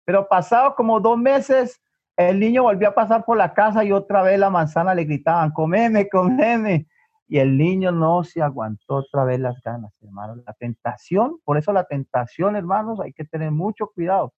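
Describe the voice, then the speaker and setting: High-voiced male preacher, lo-fi. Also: moderate pace. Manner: earnest, repeatedly addresses the brethren, dramatic drops in volume. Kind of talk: sermon storytelling. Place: church. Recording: dull lo-fi recording.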